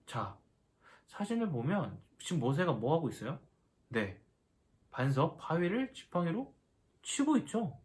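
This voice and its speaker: A man leads a children's worship lesson, asking the kids question after question. His voice sits a bit high for a man and rises and falls a great deal as he talks. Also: unhurried, pauses often. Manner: animated, asks the children questions. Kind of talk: children's sermon.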